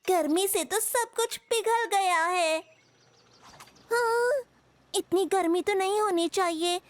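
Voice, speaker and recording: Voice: very high voice, takes it slowly. An actor voicing Bucky, a boastful little boy bear cub who tinkers with inventions, in a Hindi cartoon dub, with a fussy, grumbling way of talking. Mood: determined. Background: children's music.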